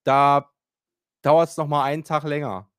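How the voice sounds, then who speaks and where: Man, casual chat, ranting storyteller, slightly high voice, dry close recording. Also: measured pace, clean tone, no echo. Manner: animated, rants and acts out quotes; swears casually, many fillers.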